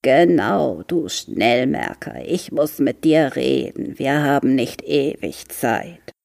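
Woman putting on a hoarse grumpy pet turtle. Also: rumbling low, lively intonation, slow pace, darkish tone, exaggerated voice. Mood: grumpy impatient. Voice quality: hoarse, hissing. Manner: impatient, sarcastic.

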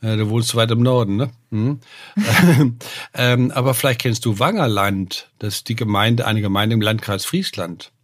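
An older man talks like a professor explaining word histories on a podcast, tagging his points with "ne?" and small hesitations. His voice sits at an ordinary pitch for a man. The sound is dry and close, with no room heard. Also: normal speed, no room sound. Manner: lecturing, often adds "ne?" and "äh", lively rises. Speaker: name researcher, professor.

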